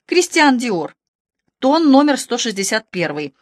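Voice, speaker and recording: A woman's voice: on the high side, very animated, unhurried, no room sound, pitched above the performer's own voice. Haughty rich lady, talks down to cops, all sarcasm, a woman reading her out, dry close sound. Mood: imperious, sarcastic. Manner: sarcastic, imperious. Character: haughty sharp-tongued rich Moscow woman.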